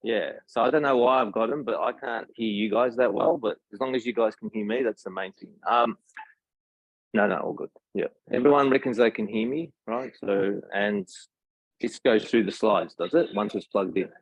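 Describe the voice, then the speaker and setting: A man with a fairly low voice and an Australian accent gives an informal technical talk at a meetup as a tech company presenter, speaking at a moderate pace. He keeps it conversational, checking in with listeners through questions and the tag "right?". The recording is dry and the audio dull.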